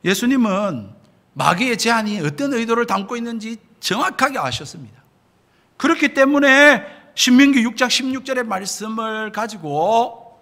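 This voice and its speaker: High, lively, emphatic male pastor preaching. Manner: emphatic, keeps addressing the congregation, rhetorical questions. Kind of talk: sermon. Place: church sanctuary.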